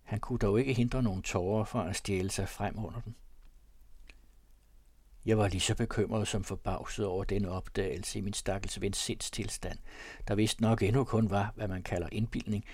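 A man narrating classic fiction in a measured, even storytelling manner. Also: lowish voice, no room sound. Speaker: audiobook narrator.

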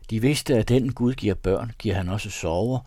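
Husky, low-voiced male storyteller. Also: warm tone, dry recording, clean studio sound. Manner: measured, ornate storytelling. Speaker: narrator. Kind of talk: audiobook reading of a literary story.

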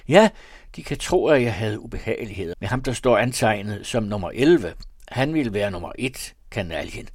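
Man putting on a cheerful spendthrift gentleman, showy and pompous, dry close sound. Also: mid-range voice, dry recording, pitched above the performer's own voice. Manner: exuberant, mock-pompous. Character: merry indebted young gentleman, theatrical.

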